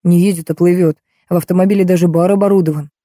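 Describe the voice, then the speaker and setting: A woman reading an audiobook, voicing a composed woman writer who speaks slowly and formally. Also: on the low side, steady tone, dark tone, dry recording, clean studio sound, natural voice. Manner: slow, measured, formal.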